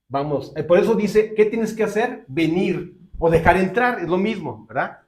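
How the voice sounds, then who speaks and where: A man's voice: fairly high pitch, a little mellow. A man with a Mexican Spanish accent, preaching a sermon in a conversational way and often checking in with his listeners. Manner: conversational preaching with frequent tag questions. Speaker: pastor.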